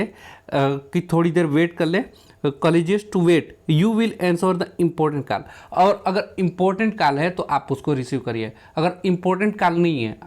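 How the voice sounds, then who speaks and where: A man walks a class through multiple-choice exam questions one by one. His voice sits somewhat high for a man. He reads each English question out slowly and carefully before explaining it patiently in plain Hindi. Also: darkish tone. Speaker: teacher. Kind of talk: exam question walkthrough lesson.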